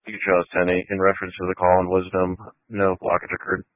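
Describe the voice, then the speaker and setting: Male patrol officer on the police radio: low and monotone, terse codes, dull lo-fi transmission. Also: quick pace, dry recording. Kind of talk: radio calls to dispatch.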